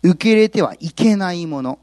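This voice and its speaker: A male pastor giving a sermon, telling the story with lively, acted-out quotes. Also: high voice, normal speed, no room sound. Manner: animated storytelling, acts out quotes.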